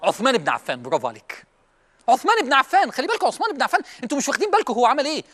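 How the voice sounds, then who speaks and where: A man preaching a sermon with an Egyptian Arabic accent, impassioned and pleading, swinging between loud calls and soft asides. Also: very high voice, wildly swooping pitch, very fast. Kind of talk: televised religious sermon.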